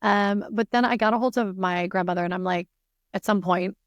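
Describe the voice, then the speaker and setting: A woman's voice: mid-range voice, a little fast, no room sound, lo-fi sound. A woman telling a personal story as a podcast guest, earnest and full of "you know" fillers.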